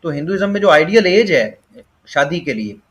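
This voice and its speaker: A man's voice: on the high side, very animated, normal speed, a bit bright, muffled recording. A man moderating an online debate, politely encouraging the speakers and putting questions to them.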